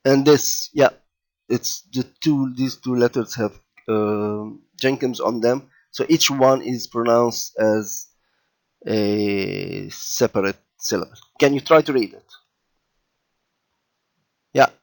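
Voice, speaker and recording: A man teaching children to read letters, patient and unhurried, often pausing with "okay" and repeating sounds slowly. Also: medium pitch. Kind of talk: slow explanatory lesson for children.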